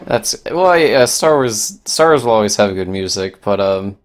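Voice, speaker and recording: A man co-hosting a casual podcast, excitable and swearing, often trailing off mid-sentence. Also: fairly low pitch, normal speed. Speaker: podcast co-host. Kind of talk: casual chat.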